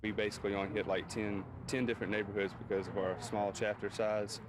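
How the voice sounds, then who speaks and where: A man's voice: on the low side, flat delivery, fast talker. A man giving a casual, unscripted answer in an interview. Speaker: local group member being interviewed. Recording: noisy outdoor interview, traffic ambience.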